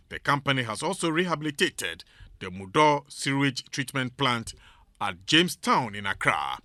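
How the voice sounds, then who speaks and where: Lively male documentary narrator. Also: mid-range voice, dry recording. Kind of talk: scripted narration. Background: music bed.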